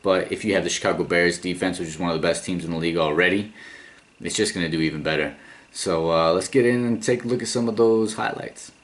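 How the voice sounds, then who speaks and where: A man's voice: low-pitched, fast, a little hiss or hum. A man hosting a casual recap as commissioner of his fantasy football league, laid-back and rambling, with fillers and small chuckles.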